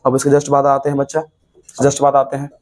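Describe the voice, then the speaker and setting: A man's voice: mid-range voice, completely flat delivery, brisk, a little mellow. A man with a Bihari Hindi accent teaching English grammar at a classroom board, repeating each point and stretching words out syllable by syllable.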